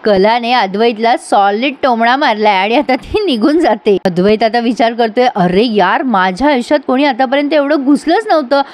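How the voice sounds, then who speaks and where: A woman narrating a recap of a TV serial episode, acting out each character's lines with lively emphasis. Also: fairly high pitch, normal speed, few pauses. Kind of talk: voice-over recap acting out dialogue.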